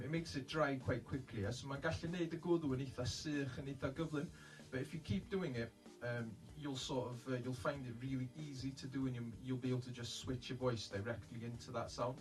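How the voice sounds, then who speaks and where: A man's voice: far from the mic, poor audio. A man explaining a beatbox technique in a casual, hesitant way, with many ums. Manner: hesitant, many ums, switches into a deep gravelly growl to demonstrate. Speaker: beatbox teacher. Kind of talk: casual bilingual tutorial.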